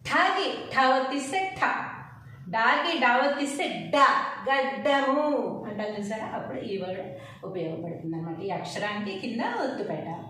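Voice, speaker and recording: A woman teacher patiently spelling out letters one by one in a slow lesson. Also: fairly high pitch, lively intonation, fairly bright tone, a little hiss or hum. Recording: echoey room, mic far off.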